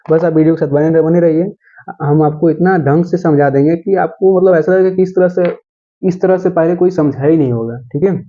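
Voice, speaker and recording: A man teaching English grammar from Hindi, slowly repeating each phrase and checking in with the listener. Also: a little high, narrow, tinny audio.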